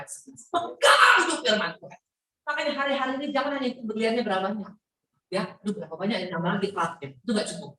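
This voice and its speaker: A middle-aged woman preaching an animated, playful sermon to a women's Bible class, mixing in English words. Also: medium pitch. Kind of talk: lively sermon. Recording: echoey hall, voice from a distance.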